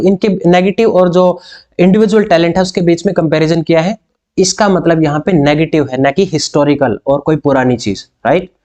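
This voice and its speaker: A male tutor from India working through exam questions in a measured lecture. He drags out each English question word by word, then shifts into quick explanations. He keeps asking rhetorical questions to check that his students follow. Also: high-pitched, darkish tone. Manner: reads English questions slowly and deliberately, then explains them briskly. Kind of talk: exam-prep lecture mixing Hindi and English.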